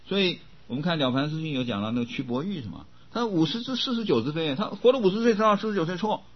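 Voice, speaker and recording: An older man giving a Buddhist dharma talk as teacher, often coughing and clearing his throat, repeating words as he goes. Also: a little high, animated, fast. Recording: dull lo-fi recording.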